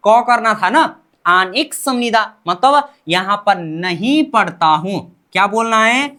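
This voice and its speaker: Lady teacher going over korean grammar real slow, repeats every example, keeps asking "what do we say?". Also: a little high, sharp tone. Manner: repeats example phrases slowly and quizzes the learner. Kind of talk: explaining grammar step by step.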